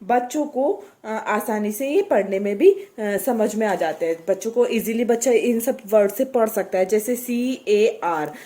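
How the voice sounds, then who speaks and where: A young woman tutor casually explaining how to teach children reading, slowly sounding out English words letter by letter, with many fillers and repetitions. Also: mid-range voice, expressive, mellow. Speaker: home tutor.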